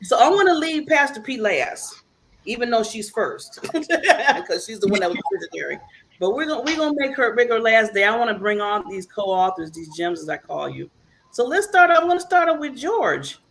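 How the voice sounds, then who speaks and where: Chatty woman host with a gravelly edge. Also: on the high side, big pitch swings, normal speed, slight background noise. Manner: warm, chatty, laughing often. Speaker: talk show host. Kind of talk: casual online talk show hosting.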